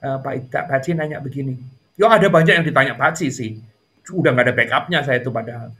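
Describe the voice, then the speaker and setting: A middle-aged man telling a story in a casual interview. He talks in a chatty way with many fillers and jumps up in pitch when a story gets lively. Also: quick pace. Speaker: interview guest.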